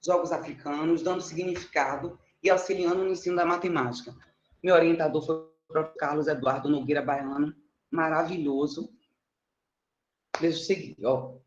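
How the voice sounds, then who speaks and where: This middle-aged math teacher from Salvador speaks at a normal pace in a low voice with fairly even intonation and a Bahian Brazilian Portuguese accent. Presenting research informally from indoors via an online conferencing platform, she's chatty, pokes fun at herself and checks with listeners often; the audio is muffled and roomy.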